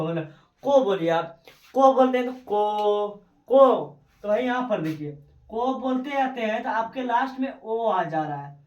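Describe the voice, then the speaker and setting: A woman's voice: on the high side, darkish tone, far from the mic. A woman teaching a grammar lesson who repeats definitions, stretches out example sounds and keeps checking that listeners follow. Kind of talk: classroom-style grammar lesson. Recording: echoey room, voice from off mic.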